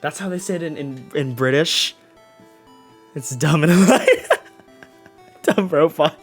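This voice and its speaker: A man's voice: on the high side, slow pace, soft background music. Playful chatty man streaming live. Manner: playful, chatty, laughs often, toys with word sounds. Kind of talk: casual live-stream chat while opening cards.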